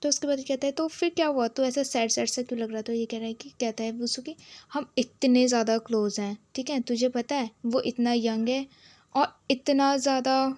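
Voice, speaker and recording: Woman recapping a drama episode, fairly high voice, dry close mic, reads all the lines herself. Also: fairly even intonation, normal speed, darkish tone, no room sound. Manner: retells the scenes and reads each character's dialogue in her own voice.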